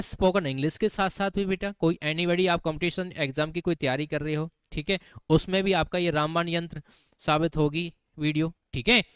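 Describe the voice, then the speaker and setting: Guy teaching english, quizzes the kids a lot, smooth clear voice, dry close sound. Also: high-pitched, fairly bright tone, dry recording. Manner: keeps asking students questions and repeating words, calls them beta. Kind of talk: classroom-style spoken English lesson.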